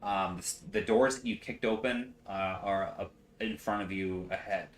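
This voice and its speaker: A man's voice: on the low side, normal speed, a little hiss or hum. A man running a tabletop game as game master, narrating with lots of fillers. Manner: relaxed, filler-heavy narration. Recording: roomy echo, faint music.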